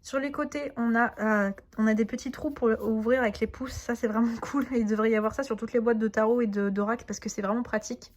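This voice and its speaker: A woman's voice: fairly high pitch, steady tone, fast talker, hardly any pauses, darkish tone. A woman doing a casual unboxing, chatty and enthusiastic with frequent hesitations, reading out card names and translating them. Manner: reads English card names aloud with translations. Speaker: tarot and oracle deck reviewer.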